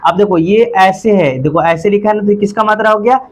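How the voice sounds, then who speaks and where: A man teaching a live Hindi alphabet class, leading pupils in call-and-repeat and chanting the letters loudly while coaxing them along. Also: high-pitched, brisk, slight background noise. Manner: coaxing, calls pupils beta and bhaiya. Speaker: tutor.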